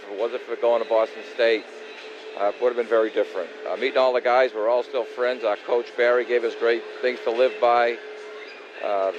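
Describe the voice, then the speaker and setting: A man in his sixties giving casual, modest, plain-spoken interview answers as a guest. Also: mid-range voice. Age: 60s. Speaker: former college hockey player, interview guest. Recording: dull lo-fi broadcast, faint noise.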